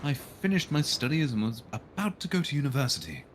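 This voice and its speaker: Reading a visual novel aloud on stream, this man throws in dry, irreverent asides between lines. His medium-pitched voice swings widely in pitch at a brisk pace, with a little hiss or hum.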